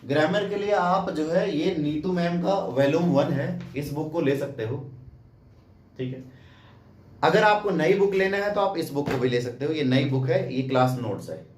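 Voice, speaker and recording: Male exam coach, casual direct delivery, raised pitch, echoey room. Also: animated, normal speed, a little mellow, a little hiss or hum. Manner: direct, repeats "ठीक" as a check-in, addresses viewer as brother. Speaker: exam prep teacher. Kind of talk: casual coaching talk showing books.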